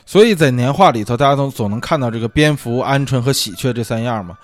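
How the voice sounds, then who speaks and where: A man's voice: mid-range voice, expressive, quick pace, no echo. A man hosting a casual solo talk show, musing aloud in a chatty way with many fillers. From China. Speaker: podcast host. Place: lives abroad.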